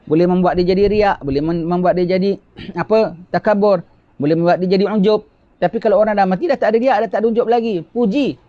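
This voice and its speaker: In a high voice and at a fast clip, a man gives a religious lecture, patiently explaining, repeating important phrases, and asking rhetorical questions. There's no echo, and the recording sounds dull and lo-fi.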